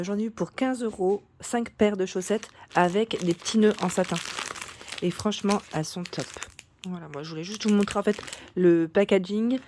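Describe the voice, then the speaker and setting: A woman vlogger chatting casually through a shopping haul, full of fillers and restarts, her voice cracking and hoarse at times. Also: mid-range voice, dark tone, slight background noise. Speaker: YouTube vlogger.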